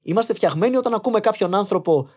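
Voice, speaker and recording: A young man in casual podcast conversation, arguing his points with animated energy and slipping in English phrases. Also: high-pitched. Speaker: podcast guest.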